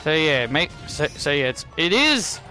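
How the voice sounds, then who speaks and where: High-pitched man commentating on a video game. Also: very animated, measured pace, sharp tone, faint music behind. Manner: repeats and rephrases phrases. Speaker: gameplay commentator.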